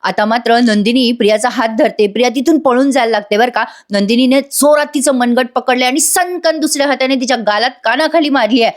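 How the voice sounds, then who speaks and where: A woman's voice: fairly high pitch, a little fast, few pauses. A woman with a Marathi accent giving a chatty voice-over recap of a TV serial, speaking directly to viewers. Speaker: TV serial reviewer.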